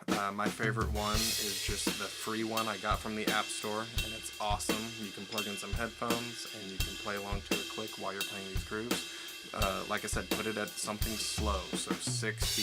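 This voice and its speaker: A young man teaching drum set, explaining step by step and counting beats aloud in an upbeat way. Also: lowish voice. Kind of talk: instructional lesson.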